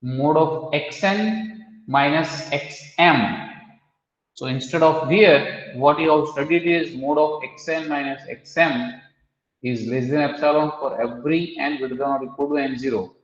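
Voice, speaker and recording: Guy teaching a math class, kinda high voice, asks the room questions, echoey hall. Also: a little slow. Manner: explains step by step, quizzes the class. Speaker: mathematics lecturer. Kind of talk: classroom lecture. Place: lecture hall with students. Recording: echoey hall, dull lo-fi sound.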